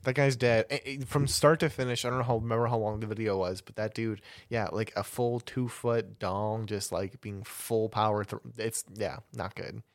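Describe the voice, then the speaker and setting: A man's voice: on the low side, steady tone, moderate pace, few pauses, dry recording, clean studio sound. A young man chatting casually as a podcast co-host, rambling through a story with restarts and bursts of laughter. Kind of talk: casual chat.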